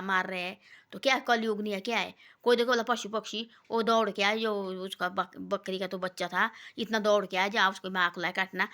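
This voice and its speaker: A woman's voice: mid-range voice, pushed and bright. A woman telling casual moral stories in a rambling, repetitive way, dropping her voice to quote people. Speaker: storyteller giving moral talks. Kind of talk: casual moralizing folk storytelling.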